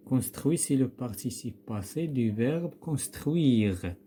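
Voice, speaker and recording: Male teacher with a Moroccan accent, mellow tone, patient, spells words out and quizzes his pupil. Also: mid-range voice, animated, slow, slight background noise. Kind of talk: recorded classroom grammar lesson.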